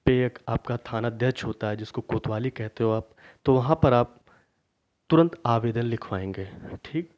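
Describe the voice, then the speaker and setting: A man teaching a grammar lesson for exam preparation, asking questions and then answering them himself, repeating key points slowly. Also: medium pitch, darkish tone. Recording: dull lo-fi recording.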